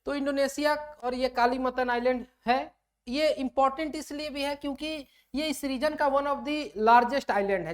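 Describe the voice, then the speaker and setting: A woman teaching a lecture who asks her students questions and then answers them herself, mixing English terms into her explanations. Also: high voice. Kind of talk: classroom lecture.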